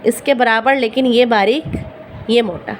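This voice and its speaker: A woman's voice: a little high, a little hiss or hum, poor audio. Patient woman teaching letter sounds. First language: Urdu. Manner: patient, repeats each letter sound slowly. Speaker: Quran reading teacher. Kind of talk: beginner Arabic letter pronunciation lesson.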